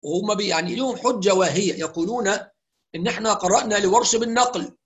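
A man with an Egyptian accent teaching Quran recitation rules, explaining in colloquial speech and reciting examples slowly and carefully. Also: high-pitched. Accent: Egyptian Arabic. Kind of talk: tajweed lesson with recited examples.

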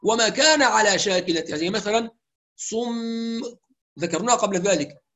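A man with an Egyptian accent teaching Quran recitation rules, explaining in colloquial speech and reciting examples slowly and carefully. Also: high-pitched, a bit bright. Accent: Egyptian Arabic. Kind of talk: tajweed lesson with recited examples.

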